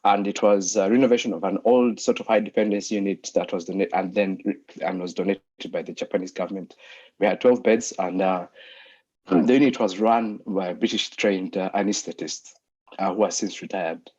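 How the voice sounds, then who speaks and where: Husky-voiced man on a video call. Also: low voice, steady tone, moderate pace, a little mellow. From Uganda. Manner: hesitant, many fillers and restarts. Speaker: anesthetist and lecturer giving a talk. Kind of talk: online presentation. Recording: muffled video call audio.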